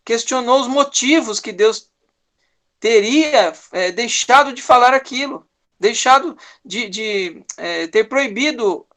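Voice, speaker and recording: A man's voice: very high-pitched, expressive, takes it slowly, a bit bright. A man with a Brazilian accent giving a sermon, talking conversationally and often tagging his sentences with a questioning "né?". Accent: Brazilian Portuguese. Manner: conversational, tags many sentences with "né?"; teaches verse by verse, acting out short quoted lines. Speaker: preacher.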